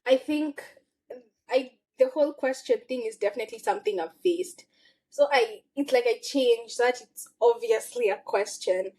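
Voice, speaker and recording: A woman's voice: on the high side, normal speed, a little mellow, rough recording. A young woman with a Kenyan accent chatting casually, full of fillers and frequent laughter. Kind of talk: casual chat.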